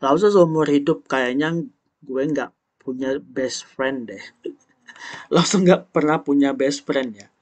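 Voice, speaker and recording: A man's voice: medium pitch, slow pace, darkish tone. A young man teaching a language lesson, reading dialogue lines and then patiently translating and explaining each one. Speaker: Mandarin teacher.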